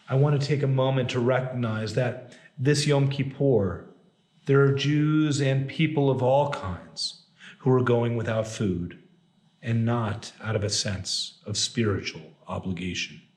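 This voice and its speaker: A man delivers a reflective sermon in an unhurried, measured way. His voice sits at an ordinary pitch. The room around him adds a noticeable echo. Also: a little mellow. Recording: roomy echo.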